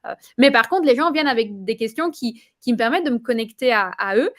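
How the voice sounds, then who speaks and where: A woman's voice: on the high side, expressive, fast talker. Woman chatting with many hesitations. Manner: hesitant, many fillers and restarts. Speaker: client giving a testimonial. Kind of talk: casual conversational testimonial.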